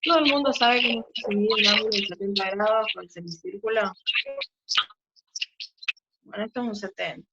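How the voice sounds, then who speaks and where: A woman with a medium-pitched voice teaches physics over a video call at normal speed, leaving long pauses. She explains things step by step and keeps checking in with the students, and the audio is muffled with faint noise.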